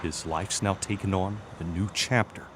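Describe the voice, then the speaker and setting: A man narrating a scripted TV news feature as a reporter, with playful dramatic storytelling and deliberate pauses. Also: low-pitched, fairly even intonation, very noisy.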